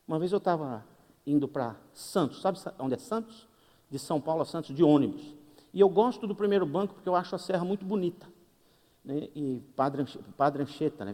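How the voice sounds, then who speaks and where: A Brazilian man preaches with a Brazilian Portuguese accent in a warm, mellow voice, acting out the dialogue of his story. His pitch rises and falls with lively humor. The sound carries the long reverb of a church hall. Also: normal speed, pauses often. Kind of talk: sermon with storytelling.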